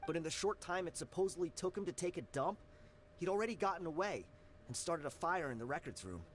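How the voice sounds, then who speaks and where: Man playing a high-voiced, jittery gang lackey. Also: expressive, fast, a little hiss or hum, natural voice. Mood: spiteful, dismissive. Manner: stammering, defensive. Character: nervous, evasive, spiteful adult male gang member under interrogation. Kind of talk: video game voice acting.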